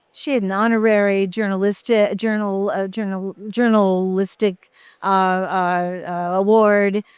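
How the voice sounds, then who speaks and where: Older woman guest, halting and reminiscent, clean close-miked sound. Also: mid-range voice, clear, resonant tone, dry recording. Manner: halting, many fillers and restarts. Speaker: interview guest, actress. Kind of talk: casual interview reminiscing.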